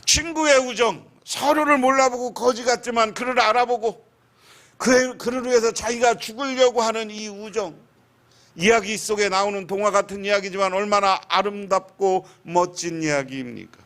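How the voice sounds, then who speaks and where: A man pastor, preaching a lively sermon that tells a story and keeps asking the congregation questions. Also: high voice, moderate pace.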